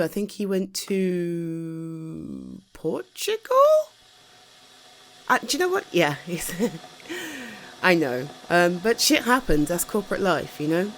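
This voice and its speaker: A British woman with a low voice plays a tired, caring girlfriend just back from the office in an intimate ASMR roleplay. She talks in a soothing, chatty, slightly hesitant way, and her mood is wry and resigned.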